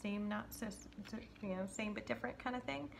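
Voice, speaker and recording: Gravelly-voiced woman giving a tarot reading. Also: medium pitch, a little hiss or hum. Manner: gentle, halting, many fillers and restarts. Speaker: tarot card reader. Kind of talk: intuitive card reading to viewers.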